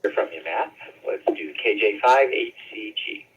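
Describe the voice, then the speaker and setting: A man running an amateur radio net, reading the script haltingly with fillers and self-corrections, heard over a two-way radio with static. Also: on the low side, animated, slightly rough. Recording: narrow-band radio transmission.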